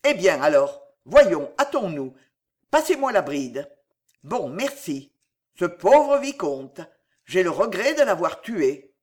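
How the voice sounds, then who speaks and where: An audiobook narrator voicing a brash old soldier of fortune who talks in loud, blustering exclamations. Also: medium pitch, very animated, unhurried. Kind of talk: audiobook character reading.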